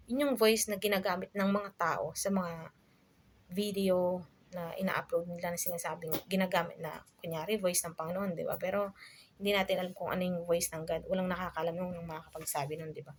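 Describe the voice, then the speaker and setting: A woman's voice: mid-range voice, a little hiss or hum. A young adult woman from the Philippines telling a personal story in a casual vlog, full of fillers and asides to her viewers. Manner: chatty, many fillers, addresses viewers as guys. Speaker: vlogger.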